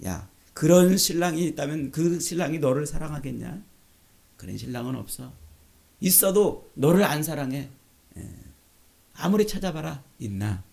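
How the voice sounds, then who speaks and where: A crowd of scornful women jeer with a higher, grating edge, as a preacher acts them out in his sermon. Their taunts come in a sneering tone, rough with a gravelly rasp underneath. The delivery is pushed, pointed and mocking. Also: moderate pace, a little mellow.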